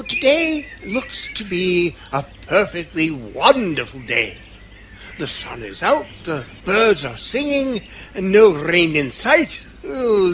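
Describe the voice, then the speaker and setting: An actor in an audio drama playing an eccentric, kindly, cheerful old time-travelling doctor who dithers through ums and broken phrases. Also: male voice, high voice, a bit bright, a little hiss or hum, heavily acted. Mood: cheerful, musing.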